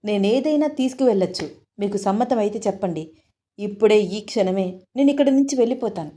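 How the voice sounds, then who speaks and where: A woman storyteller voicing a blunt, meddling older woman who speaks loudly with grief and accusation. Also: mid-range voice, lively intonation, fast, lightly acted. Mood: aggrieved. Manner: accusing, loud and tearful.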